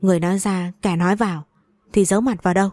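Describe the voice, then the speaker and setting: A woman's voice: mid-range voice, fairly even intonation, rapid-fire, a little mellow, dry recording, clean studio sound, close to an everyday voice. A woman reading a wealthy, two-faced middle-aged mother-in-law in a storybook tale, sugary-sweet yet cutting. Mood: scolding.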